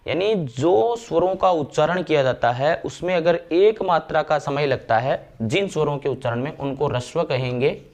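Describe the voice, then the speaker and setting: Guy teaching grammar, kinda high voice, slows down to recite verses. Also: expressive, a little mellow. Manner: explains step by step, slows to recite verses and vowels. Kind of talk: classroom lecture.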